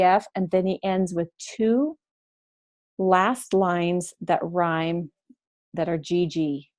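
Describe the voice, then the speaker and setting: A woman teacher giving an online high school humanities lesson, explaining slowly and thinking aloud as she goes. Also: mellow. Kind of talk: online class lecture.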